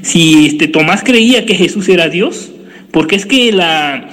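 A man with a high voice, making his case in a religious debate. He speaks hesitantly and stumbles over his words as he goes. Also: lively intonation, measured pace, a bit bright. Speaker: debate opponent.

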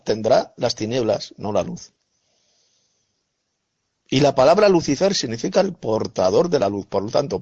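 A man's voice: mid-range voice, slightly rough. Insistent man in a lo-fi debate chat. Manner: insistent, repeats his questions. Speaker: religious debater.

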